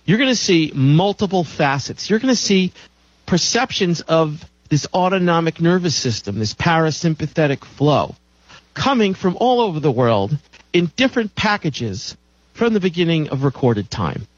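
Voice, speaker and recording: A man's voice: a little high, sing-song, moderate pace, dry recording, dull audio. A man hosting a call-in radio show, lecturing in an emphatic way and repeating phrases for stress.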